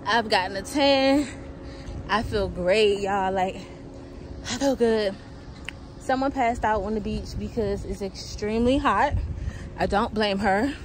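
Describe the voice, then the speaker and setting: A woman's voice: medium pitch, a little slow, long pauses. Chatty woman vlogging, y'all-heavy. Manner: chatty, addresses viewers as y'all. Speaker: lifestyle vlogger. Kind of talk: casual vlog talk to camera. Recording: noisy outdoor camera audio.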